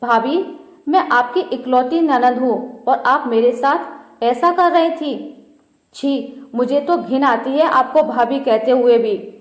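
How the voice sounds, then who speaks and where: A woman's voice: high-pitched, slow. A woman reading the part of a proud, spiteful young sister-in-law who taunts and schemes in a storybook tale. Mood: indignant. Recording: roomy echo.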